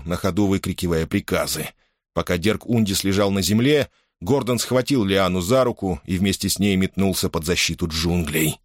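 Male audiobook narrator, steady measured reading, very low voice, dry close recording. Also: no echo. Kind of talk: scripted narration of a science fiction novel.

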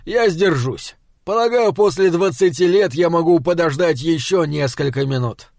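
A man playing an impatient, driven older parapsychologist who talks gruffly and tersely, and grows eager when he lectures, in an audiobook. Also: a little high, expressive, moderate pace, a little mellow, dry recording, clean studio sound.

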